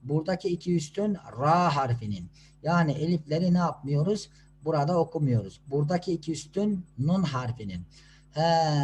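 A man teaching children to read Quranic letters, sounding out syllables slowly and patiently and answering his own questions. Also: fairly high pitch, darkish tone, slight background noise. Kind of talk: slow classroom instruction.

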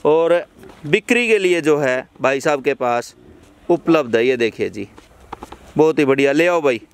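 A man hosting a walkthrough of a dairy farm outdoors, briskly repeating each answer back to his viewers. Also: on the high side, expressive, slight background noise. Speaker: channel host touring a dairy farm. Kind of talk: on-site walkthrough interview. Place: outdoor buffalo farmyard.

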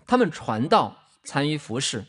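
A husky-voiced man delivers a sermon with fervent emphasis. His pitch sits a little high and leaps widely as he drives home each point, dropping to near hushed tones between bursts. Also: very animated, moderate pace. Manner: impassioned, emphatic, sweeping swings between loud and hushed. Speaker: preacher. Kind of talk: sermon teaching.

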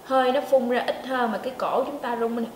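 Female pronunciation teacher, high voice, patient step-by-step demos, echoey room. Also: steady tone, slight background noise. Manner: demonstrates sounds slowly, asks learners to check in. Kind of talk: pronunciation lesson. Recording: echoey room with faint ambience.

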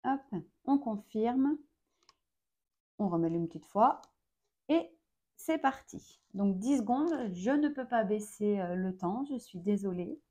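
This vlog host, a thirtysomething mother of four, addresses the camera casually, slowly and carefully, often hesitating. Her mid-range voice is mellow, and her intonation is lively.

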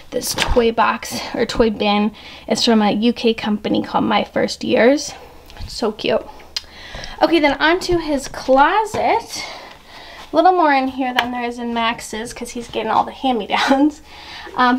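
Woman, 30s, mom vlogger, chatty home tour, laughs a lot, slightly high voice, handheld camera indoors. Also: a little hiss or hum. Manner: chatty, upbeat, laughs often. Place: house rooms indoors.

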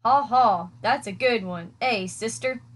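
A woman's voice: fairly high pitch, measured pace. Woman doing a big hearty boastful pig. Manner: loud joking guffaw.

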